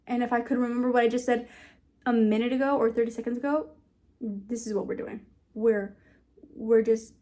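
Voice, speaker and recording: A woman's voice: on the high side, warm tone. A young woman vlogging in a casual, rambling way, often stopping to search for words and restarting her sentences. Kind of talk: casual talk to camera.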